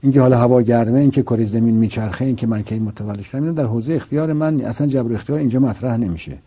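A man's voice: medium pitch, mellow, husky. A man explaining a philosophical argument as a teacher, asking rhetorical questions and repeating points to drive them home. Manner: argues with rhetorical questions and repetition.

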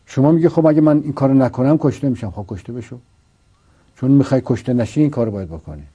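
A man's voice: medium pitch, dark tone, husky, dull audio. A man explaining a philosophical argument as a teacher, asking rhetorical questions and repeating points to drive them home. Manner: argues with rhetorical questions and repetition.

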